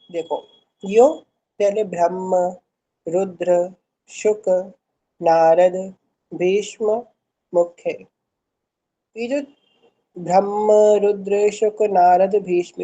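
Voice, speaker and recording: A woman's voice: medium pitch, mellow, lo-fi sound. A woman teaching an online Sanskrit class, patiently reciting verses syllable by syllable and encouraging her students. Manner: encouraging and reassuring.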